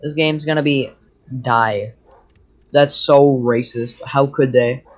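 A man's voice: mid-range voice, steady tone, takes it slowly, highs cut off. A young man joking and rambling while playing a video game with a friend. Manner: rambling, joking, trails off mid-thought. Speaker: gaming co-player. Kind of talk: casual gameplay chat.

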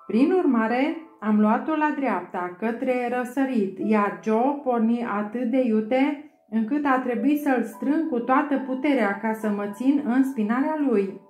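A woman narrating an audiobook in a steady storytelling manner. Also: fairly high pitch. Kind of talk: scripted narration. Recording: roomy echo, faint music.

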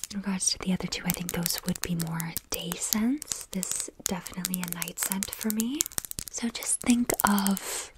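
A young woman whispering in an ASMR style, soft and intimate, close to the microphone, lingering on and repeating words. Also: medium pitch, background noise. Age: young adult. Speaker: ASMR video host.

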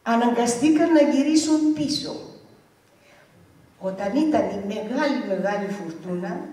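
A woman's voice: medium pitch, dark tone. An older woman, telling a vivid family story at a community event and acting out the words of the people in it. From Greece, Ikaria. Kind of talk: oral history storytelling. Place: village cultural association hall. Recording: echoey hall heard from far off.

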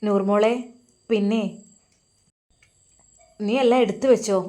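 A woman voicing a kind young male religious teacher who speaks calmly and reassuringly to his wife and mother. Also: mid-range voice, slow pace, lightly acted.

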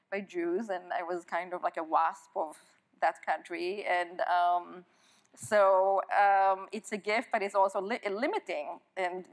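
A middle-aged woman from Israel speaking as an author in an onstage conversation, reflective and often restarting her sentences. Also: on the low side. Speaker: author and guest. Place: stage of an auditorium.

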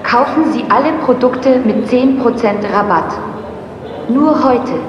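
A woman making an upbeat, urging shop announcement over a station loudspeaker. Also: a little high, slow. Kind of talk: promotional public-address announcement. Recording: echoey hall, dull lo-fi sound, steady background noise.

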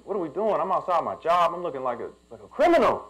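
A man's voice: on the high side, very animated, fast talker, a bit bright, rough recording. A young man, a pastor telling a personal story in a sermon and building to emphatic preaching.

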